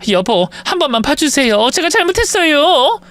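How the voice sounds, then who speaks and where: A man's voice: very high voice, very animated, moderate pace, fairly bright tone, voice pushed up, exaggerated voice. A man voicing a young wife who meekly begs her husband. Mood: pleading. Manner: meek, pleading.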